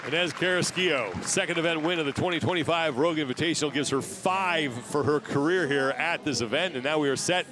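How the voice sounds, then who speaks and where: A man giving live play-by-play commentary who calls the action and rises to shouts on big lifts. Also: on the high side, fairly quick, hardly any pauses, a crowd in the background.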